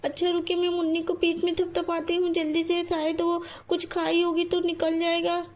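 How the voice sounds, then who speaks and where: A woman's voice: very high-pitched, monotone, moderate pace, darkish tone. A woman voicing a kind young village housewife in a doll story, polite and reassuring. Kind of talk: doll story role-play.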